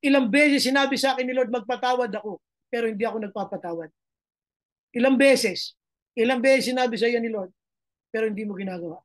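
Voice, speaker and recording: A woman's voice: fairly high pitch, quick pace. A woman pastor preaching a sermon, emphatic and repeating her phrases. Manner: mixes Tagalog and English, emphatic, repeats phrases.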